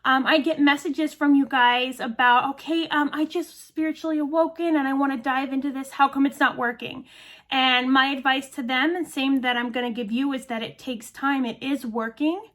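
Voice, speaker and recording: Chatty high-voiced woman in her thirties. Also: fairly even intonation, moderate pace, fairly bright tone. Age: 30s. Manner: chatty, earnest, addresses viewers directly. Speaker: medium and energy healer, channel host. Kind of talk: casual talk to camera.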